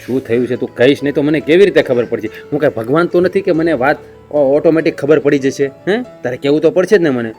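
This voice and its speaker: A man's voice: on the high side, fast talker, a little mellow, faint music behind, natural voice. An actor playing a caring young husband, coaxing his wife to tell him what is wrong. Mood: concerned, coaxing. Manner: coaxing, keeps asking "eh?". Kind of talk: family drama acting.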